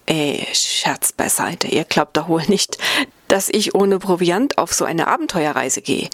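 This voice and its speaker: A woman's voice: fairly low pitch, expressive, unhurried, dry recording. A cheerful, joking male marmot who loves his food and his fun, telling tall tales with a grin, as a woman reads him in a storybook. His voice sits up close and dry, with no room sound around it. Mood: teasing. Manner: playful, teasing, fond of food and fun. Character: jolly joking male alpine marmot from the Swiss mountains. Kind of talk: storybook reading.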